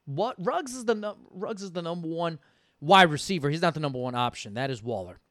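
A man's voice: a little high, animated, brisk, fairly bright tone, no echo, clean studio sound. A young man thinking aloud while drafting for fantasy football, casual and profane, arguing with himself over picks. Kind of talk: casual live draft commentary.

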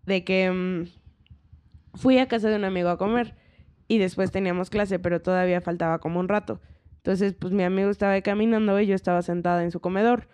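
Mellow-voiced Mexican woman telling stories. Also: mid-range voice, fairly quick, clear, resonant tone. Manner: animated storyteller who acts out quoted voices. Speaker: podcast co-host. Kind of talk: casual chat, storytelling.

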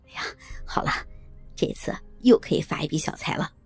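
A woman voicing an eager, cheeky young man in a storybook reading, in a lowered voice. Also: fairly quick, darkish tone, no echo, soft background music, close to an everyday voice. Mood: gleeful.

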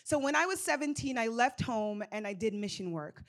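A young adult woman from Jamaica, a church elder, sharing her testimony in a relaxed, conversational way with frequent fillers. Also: fairly high pitch, a little fast. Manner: conversational, rocking back and forth, frequent fillers. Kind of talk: sermon testimony. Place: church service.

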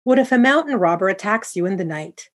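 A woman voicing a young man who becomes a mountain robber, speaking earnestly and forcefully. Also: medium pitch, animated, fairly quick, natural voice. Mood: pleading. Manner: earnest, pleading then commanding.

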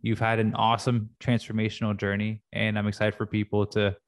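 A man's voice: lowish voice, monotone, a little fast. A man hosting a podcast in an upbeat, enthusiastic manner, like a morning show host welcoming listeners and guests. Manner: enthusiastic, effusive.

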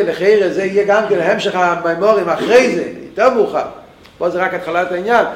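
Man, Torah teacher, high voice, roomy echo, halting restarts. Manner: thinks aloud with many restarts.

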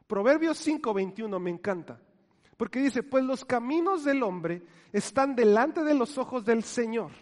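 A high-pitched pastor preaches with swings from soft near-whispers to loud swells, putting questions to his congregation and having them repeat words back. His voice trails off in a long reverb tail.

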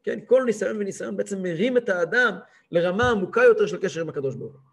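A man in his thirties, a rabbi giving a lively weekly lesson, who acts out a cantor's chanting and scolds him. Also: sits high, vocal fry, husky. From Israel. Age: 30s. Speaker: rabbi teaching a weekly class.

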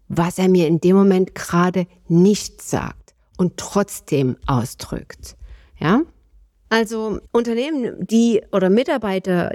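A woman's voice: mid-range voice, a little mellow, no echo, studio quality. A woman hosting a solo podcast, talking in a thoughtful, conversational way with many small fillers and speech. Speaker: podcast host.

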